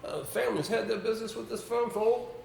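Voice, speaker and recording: A man with a high-pitched voice, a steady tone, and a fast delivery acts on an indoor stage, the room sound audible and slightly noisy. His role in this amateur play is a brisk, rambling, avuncular senior solicitor who hesitates, muses, and clears his throat.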